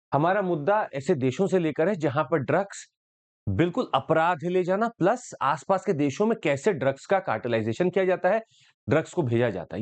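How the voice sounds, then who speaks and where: A man's voice: fairly high pitch, a little mellow. A man with an Indian accent explaining the daily news to exam students, switching between Hindi and English and repeating key points. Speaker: current affairs teacher. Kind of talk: exam-prep news analysis lesson.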